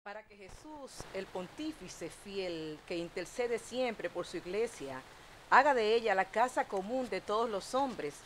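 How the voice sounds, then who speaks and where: Young woman reading prayers, faint hiss. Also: medium pitch. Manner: measured, even reading. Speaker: lay reader. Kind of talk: reading intercessions. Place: small chapel, indoors. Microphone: stand mic at a lectern.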